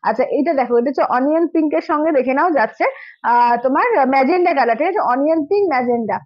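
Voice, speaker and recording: Woman, hoarse a cold, high voice, rapid sales patter, dull lo-fi sound. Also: expressive, no echo. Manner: brisk, repeats prices, keeps asking "okay?". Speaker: saree seller on a live sale stream. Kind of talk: live-stream sales pitch.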